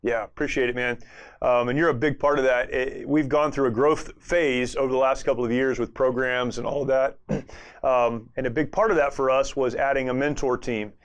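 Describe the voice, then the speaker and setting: A man's voice: medium pitch, steady tone, normal speed, clear, resonant tone. A male podcast host who introduces his guest and asks questions in a friendly, conversational way. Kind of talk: casual interview hosting.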